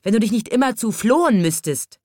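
A woman's voice: fairly low pitch, expressive, moderate pace, no room sound, studio quality, natural voice. A woman voicing a lazy, irritable male tiger in a storybook, snapping back in a hissing way. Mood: snappish.

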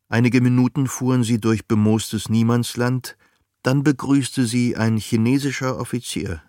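A man narrating a novel as an audiobook in a measured, even storytelling manner. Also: medium pitch, no echo, studio quality. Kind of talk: scripted narration.

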